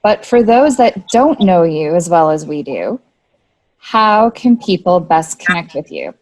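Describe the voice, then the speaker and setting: A woman's voice: fairly low pitch, very animated, unhurried, darkish tone, rough recording. A woman hosting a podcast interview, speaking with sincere, effusive gratitude to her guest. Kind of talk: heartfelt interview closing.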